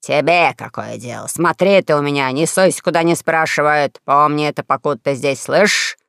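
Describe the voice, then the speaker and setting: A woman voicing a gruff, scheming old con man who poses as a king, speaking in a low menacing growl. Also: normal speed, dry recording, studio quality. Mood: snarling.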